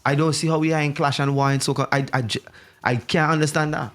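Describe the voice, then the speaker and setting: Soft background music accompanies a man from St Vincent, a Caribbean talk show guest with a Vincentian accent. He talks fast, casually and animatedly, with fairly even intonation, repeating phrases to stress his opinions. His voice is a little high and fairly bright.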